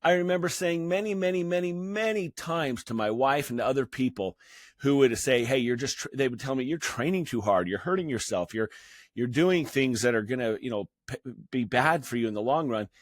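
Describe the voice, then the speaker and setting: A man's voice: medium pitch, no echo, clean studio sound. A man in his fifties hosting a fitness channel, talking earnestly and personally with frequent restarts and fillers. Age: 50s. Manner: earnest, halting with many restarts. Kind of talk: personal talk to camera.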